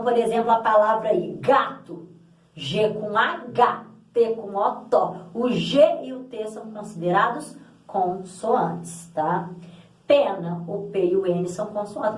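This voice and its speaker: A woman teacher walks through a grammar lesson, explaining each point patiently and repeating example words aloud. Her voice sits in the middle range and carries a roomy echo. She sounds a little set back from the microphone. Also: mid-range voice. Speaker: Portuguese language teacher. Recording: echoey room, voice from a distance.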